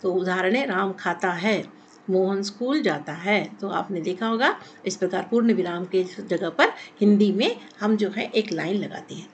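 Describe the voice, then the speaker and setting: A woman's voice: medium pitch, moderate pace, a little hiss or hum. A woman teacher giving a recorded Hindi lesson, explaining step by step, repeating words and asking rhetorical questions. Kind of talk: classroom lesson on punctuation.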